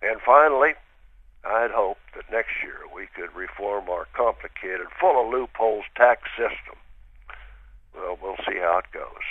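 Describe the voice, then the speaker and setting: A man on a telephone line from his farm, reading a steady, earnest radio commentary. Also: lowish voice, a little slow, breathy edge. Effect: heard over a telephone line. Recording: tinny, dry phone line.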